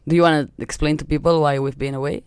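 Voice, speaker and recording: A woman in her thirties in a relaxed podcast conversation. She talks bluntly, with wry self-mockery. The recording is close and free of room sound. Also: low voice, quick pace, clear, resonant tone, dry recording. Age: 30s. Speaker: podcast co-host. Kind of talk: casual chat.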